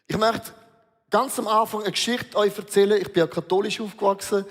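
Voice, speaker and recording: A man's voice: sits high, steady tone, brisk. A man preaching a sermon as pastor, emphatic and storytelling, mixing in English words. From Switzerland. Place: large church hall. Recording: long reverb of a large hall.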